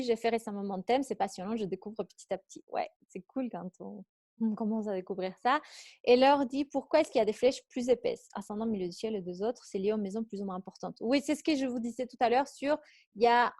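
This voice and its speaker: A woman with a noticeable accent leads an online workshop, chatty and easygoing, reading out questions from participants as she explains. Her voice sits a little high. The recording is close and dry, with no room sound. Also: a little mellow, no room sound. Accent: foreign accent. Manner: chatty, reads out participant questions, laughs easily. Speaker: astrology coach.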